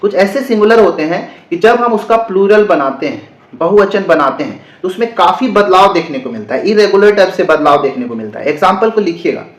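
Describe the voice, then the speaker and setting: Man, high voice, grammar teacher, spells words out letter by letter, repeats points, echoey room. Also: expressive. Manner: explains slowly, spells words letter by letter, repeats and checks understanding. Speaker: exam-prep English grammar teacher. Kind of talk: classroom-style grammar lesson.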